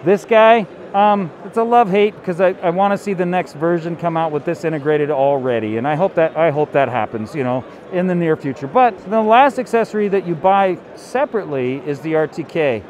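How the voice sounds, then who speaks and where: A man's voice: fairly high pitch, expressive, a little fast, hardly any pauses, a little mellow. A man casually demonstrating a product at a convention booth, loose and enthusiastic with lots of fillers. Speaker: company representative.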